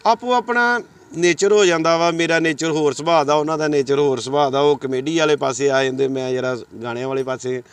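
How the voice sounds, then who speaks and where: A man's voice: a little high, fairly even intonation, brisk, smooth. A young man, a singer, answering interview questions casually and modestly, leaning on filler phrases. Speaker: singer and actor, interview guest.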